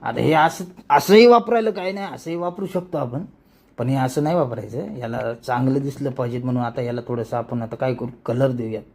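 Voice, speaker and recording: This animation tutorial creator talks fairly quickly in a mid-range, darkish voice, carrying a rural Marathi accent from Maharashtra. His step-by-step demonstration is casual and colloquial, with words frequently repeated along the way.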